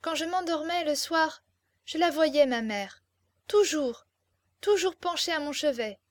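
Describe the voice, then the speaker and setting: High bright excitable young girl, pleading and breathless, dry close sound, as a woman reads her. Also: measured pace, no room sound. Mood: dreamy. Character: young naive excitable girl, vain and romantic. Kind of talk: audiobook character reading.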